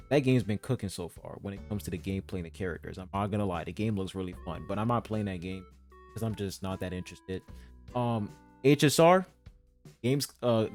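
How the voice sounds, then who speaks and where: A man's voice: lowish voice, animated, normal speed, pauses often, a little mellow, soft background music. A man reacting to a gaming video in casual commentary, exasperated, swearing and stumbling over his words as he talks to his viewers.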